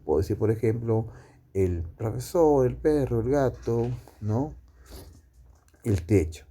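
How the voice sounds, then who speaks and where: A man teaching a grammar lesson, explaining slowly with many fillers and tag questions. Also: medium pitch, lively intonation, mellow, breathy edge.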